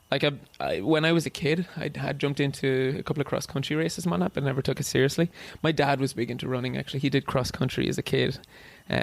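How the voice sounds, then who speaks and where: A man's voice: mid-range voice, creaky, no room sound. An Irish man in his thirties, chatting as a podcast guest, rambling with restarts and casual swearing. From Ireland. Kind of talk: casual interview chat.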